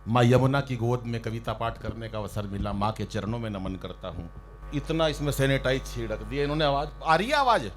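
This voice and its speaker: A man performing as a comic poet on stage, ribbing fellow poets and telling jokey stories in a loud, teasing manner. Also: mid-range voice, animated, a little fast, a little hiss or hum. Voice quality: loud, ribbing, storytelling with mock shouts. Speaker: stand-up poet. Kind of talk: humorous poetry recital banter. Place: outdoor stage by a river.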